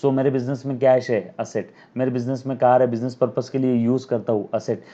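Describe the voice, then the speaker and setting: A man teaching accounting on camera, dictating terms slowly and repeating them so students can write along. His voice is mellow and dark, heard through a slightly dull, lo-fi recording. He keeps checking in with "yes or no?" and calls the students his children. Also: mid-range voice, level tone, slight background noise. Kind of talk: recorded video lecture. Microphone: camera mic.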